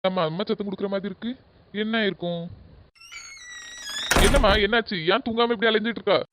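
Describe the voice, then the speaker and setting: A woman's voice: mid-range voice, fast, music in the background, close to an everyday voice. A woman voicing a concerned, coaxing grown son in a comedy cartoon, pleading insistently with a southern Tamil Nadu accent, in muffled, noisy audio. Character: concerned, coaxing adult village son and husband. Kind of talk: comedy skit voice acting. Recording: muffled audio with hiss and clicks.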